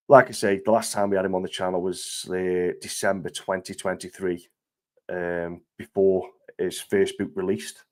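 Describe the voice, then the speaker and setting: A man's voice: on the low side, darkish tone. Groggy man hosting a live stream. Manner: chatty and matey, laughing often. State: groggy voice from illness. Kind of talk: casual live-stream chat.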